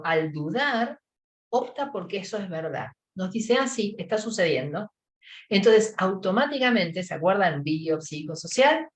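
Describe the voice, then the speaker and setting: Woman with a Rioplatense accent, lower voice, giving a lively lecture that acts out everyday scenes, recorded in an echoey room. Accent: Rioplatense Spanish. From Argentina. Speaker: psychologist lecturer. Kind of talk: lecture to professionals.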